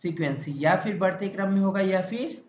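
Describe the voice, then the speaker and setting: High-voiced Indian man teaching a maths class. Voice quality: repetitive, drawn-out explanatory delivery. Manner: asks rhetorical questions and answers them himself. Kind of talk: classroom lecture with questions to students. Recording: echoey, muffled classroom recording with faint noise.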